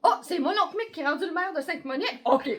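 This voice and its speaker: A Québécois mother improvises a children's tale, drawing her listeners in with little asides. Her voice is high and swings widely in pitch, animated from line to line. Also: quick pace. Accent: Québécois French. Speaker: mother telling story. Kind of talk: improvised storytelling.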